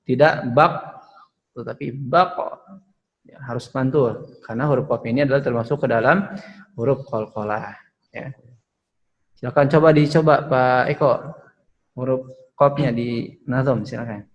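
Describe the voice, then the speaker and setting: The lo-fi audio captures a male Quran recitation teacher speaking at normal speed in a mid-range voice, pausing often. In this online lesson he patiently explains and demonstrates letter pronunciation, frequently adding "ya" to his phrases.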